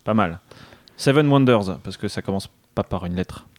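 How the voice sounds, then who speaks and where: A man's voice: low-pitched, flat delivery, no echo. Joking man presenting game news. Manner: joking, reads notes, halting restarts. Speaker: radio show co-host presenting news. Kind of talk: casual group chat on a board game radio show. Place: studio round a table.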